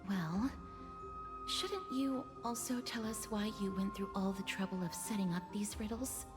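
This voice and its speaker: Over game music, a woman voices a video game character, an earnest and composed young heroine laying out her reasoning. Her medium-pitched voice swoops wildly in pitch while keeping a measured pace.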